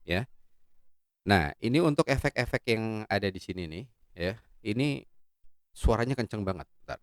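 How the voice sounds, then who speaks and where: Playful male gear reviewer, slightly low voice, dry close sound. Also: animated, normal speed, dry recording. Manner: playful, joking, chatty. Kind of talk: casual product review.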